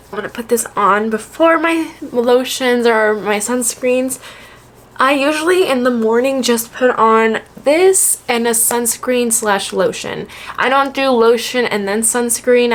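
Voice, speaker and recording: A woman's voice: fairly high pitch, slight background noise. A young woman from Alabama, chatting casually through a makeup tutorial, rambling and correcting herself as she goes. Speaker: beauty vlogger. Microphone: camera on a makeshift tripod.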